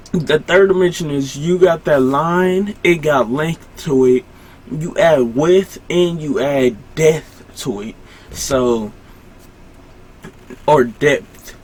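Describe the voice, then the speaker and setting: With a fairly high, slightly mellow voice, a young man hosts a solo podcast at home in the late hours. The talk is slow, drowsy and rambling, full of fillers, and he often breaks off what he's saying.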